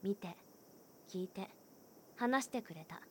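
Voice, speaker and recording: In this voice drama role, an actress plays a cheerful high school girl who is open and mildly teasing. Her mid-range voice takes things slowly, the acting is light, and slight background noise is present.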